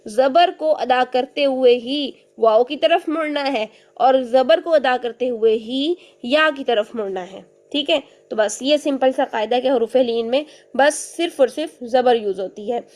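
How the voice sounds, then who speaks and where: A woman's voice: sits high, unhurried, hardly any pauses, darkish tone. A woman teaching a recitation lesson step by step, patiently repeating each point and checking in often.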